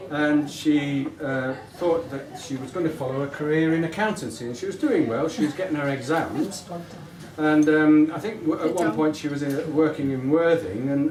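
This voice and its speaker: Middle-aged man's rambling father of the bride speech. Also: on the high side. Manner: rambling, hesitant, affectionate. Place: wedding reception room. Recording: echoey room, distant mic, audience noise. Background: guests murmuring and laughing.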